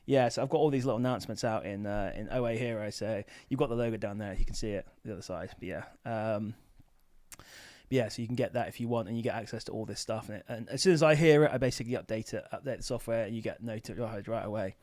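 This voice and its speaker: A man hosts a casual livestream from an office, chatting informally and rambling as he answers viewers' questions about online selling. His voice is on the low side, quick and darkish in tone. The recording is studio quality with no room sound.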